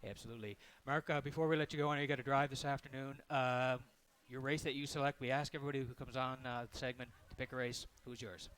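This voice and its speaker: A man's voice: mid-range voice, fairly even intonation, fast, fairly bright tone, smooth. A man hosting a conversational sports interview. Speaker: interview host.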